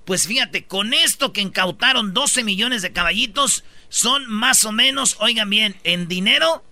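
Mexican male host, casual countdown chat, high bright voice, jokey slang. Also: a little slow, dry recording. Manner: joking, slangy storytelling.

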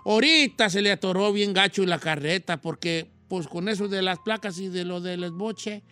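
Bright high-voiced joking male radio host. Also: normal speed, smooth, soft background music. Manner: joking, slangy storytelling. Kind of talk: casual on-air banter with a caller.

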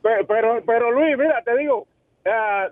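A man's voice: very high-pitched, moderate pace. A man calling in to a radio show, friendly and rambling, with many restarts. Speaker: caller. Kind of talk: casual phone-in chat. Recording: tinny phone line.

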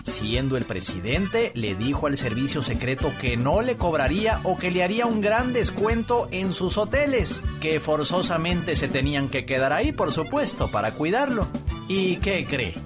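Satírico de radio de voz aguda. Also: male voice, a little high, very animated, moderate pace. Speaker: radio satirist introducing a parody song. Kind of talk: satirical scripted commentary. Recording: loud music under voice.

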